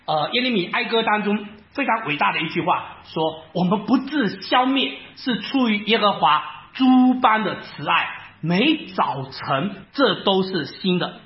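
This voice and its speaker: A man preaching a sermon, animated, asking rhetorical questions and acting out his listeners' doubts. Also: sits high, a little slow, hardly any pauses. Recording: echoey room, slightly dull sound.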